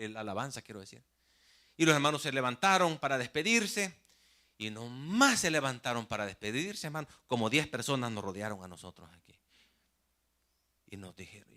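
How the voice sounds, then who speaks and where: A male pastor, preaching a Sunday sermon in church. His voice rises and falls in a lively way as he tells stories. He sounds bright and forceful. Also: medium pitch, fairly quick. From El Salvador. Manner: animated storyteller, often says "mi hermano". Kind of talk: sermon with storytelling.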